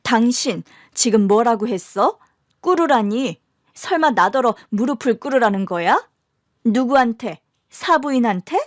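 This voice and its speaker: A woman's voice: fairly high pitch, lively intonation, a little slow, dry recording, clean studio sound. A woman voicing a haughty, wealthy middle-aged mother-in-law who talks down to others, in a radio drama. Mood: indignant.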